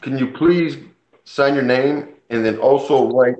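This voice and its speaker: A Puerto Rican man whose first language is Spanish hosts a casual chat about comics, telling enthusiastic, rambling stories. His voice is mid-range and darkish, and he takes his time. The recording sounds dull and roomy.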